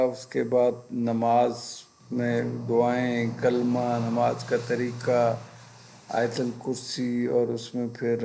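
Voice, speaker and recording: Gravelly-voiced man teaching a Quran lesson. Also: mid-range voice, warm tone, a little hiss or hum, poor audio. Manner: patient, deliberate, searching for words mid-sentence. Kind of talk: religious lesson, explaining step by step.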